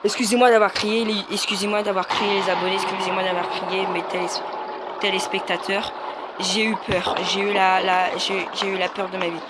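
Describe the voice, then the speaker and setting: A man's voice: sits high, little pitch movement, normal speed. A man commenting on a horror game as a gaming youtuber, jittery and frightened, yelping and muttering to himself. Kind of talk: let's play commentary. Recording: loud background noise and hiss.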